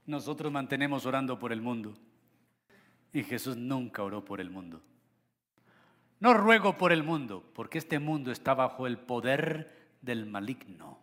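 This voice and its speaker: A man's voice: mid-range voice, lively intonation, normal speed, fairly bright tone. A man preaching a sermon as pastor, emphatic, with rhetorical questions to the congregation and a voice that swells and sinks. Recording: long hall reverb.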